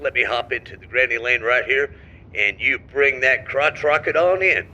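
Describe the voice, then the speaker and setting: A man doing a bright-toned trucker on CB radio. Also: mid-range voice, moderate pace, lo-fi sound. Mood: playful. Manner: folksy trucker CB slang, playful sign-offs. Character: man playing a trucker answering over CB radio.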